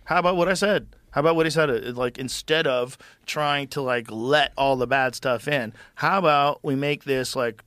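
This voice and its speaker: A man's voice: medium pitch, a bit bright, dry recording. A man in casual podcast chat, blunt and profane, talking in strong opinions. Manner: blunt, profane, opinionated, mimics voices for effect.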